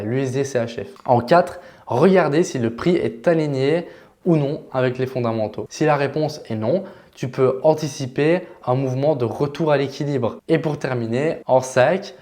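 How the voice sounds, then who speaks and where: Homme francophone, formateur en trading, ton décontracté. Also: male voice, mid-range voice, moderate pace. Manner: relaxed, chatty explaining with filler words. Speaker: trading educator. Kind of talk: casual explanatory lesson.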